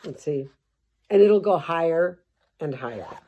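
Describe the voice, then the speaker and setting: A woman's voice: low-pitched, expressive, a little slow, dull audio. An older woman reading a children's book aloud and breaking off into sarcastic, rambling asides with mild swearing. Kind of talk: comic storybook commentary.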